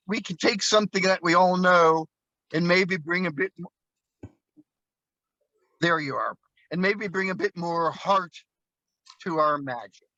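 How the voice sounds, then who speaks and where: A man's voice: sharp tone, no room sound, lo-fi sound. A man performing a magic trick, telling a playful, theatrical story as he works. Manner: playful, theatrical, bursts into high whoops. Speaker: magician performing at an open mic show. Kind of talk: storytelling patter during a coin trick.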